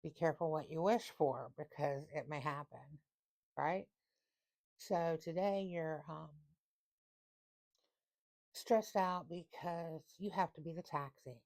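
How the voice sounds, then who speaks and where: A woman with a low voice talks through a casual tarot reading. She reads card text slowly and deliberately. She repeats her points for emphasis. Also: a little mellow. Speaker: tarot reader.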